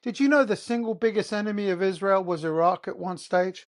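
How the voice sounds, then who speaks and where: A man born in Qatar and raised in England hosts his own podcast alone, speaking with an English accent in a high-pitched voice at a fairly quick clip. He talks emphatically, firing off one rhetorical question after another.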